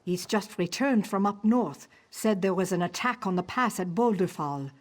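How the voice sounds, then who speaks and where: A woman's voice: medium pitch, animated, normal speed, lightly acted. An actress voicing a worried, grieving farm wife and mother in a fantasy video game, earnest and pleading.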